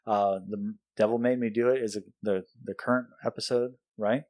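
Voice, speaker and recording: A man's voice: on the low side, fairly even intonation, brisk, darkish tone. A man hosting a podcast in a casual, playful chat with guests. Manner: playful, joking. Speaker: podcast host.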